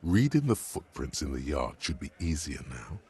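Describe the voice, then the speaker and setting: An actor voicing a calm, observant inner-voice narrator in a detective video game. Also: male voice, extremely low pitch, normal speed, slightly rough, heavily acted.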